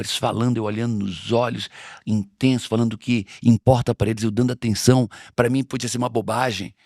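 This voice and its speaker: Earnest gravelly Brazilian man. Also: lowish voice, darkish tone, dry recording, studio quality. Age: middle-aged. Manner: earnest, repeats phrases for emphasis. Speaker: interview guest. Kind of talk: conversational interview.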